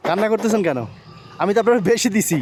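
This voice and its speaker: Fast-talking Bangladeshi man on the street. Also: high-pitched, noisy background. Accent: Bangladeshi Bengali. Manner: rapid, coaxing, reassuring questions. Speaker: charity vlogger interviewing a street seller. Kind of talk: casual street conversation.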